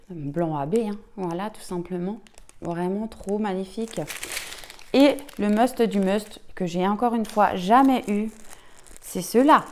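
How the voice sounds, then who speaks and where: A woman's voice: medium pitch, a little hiss or hum. A woman chatting casually while unboxing a diamond painting kit, enthusiastic and full of fillers. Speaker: craft unboxing vlogger.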